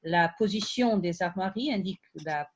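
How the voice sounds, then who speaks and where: A woman with a fairly low voice speaks French at a moderate pace, her foreign accent showing she isn't a native speaker. She talks unscripted at an academic round table, frequently restarting as she hunts for words.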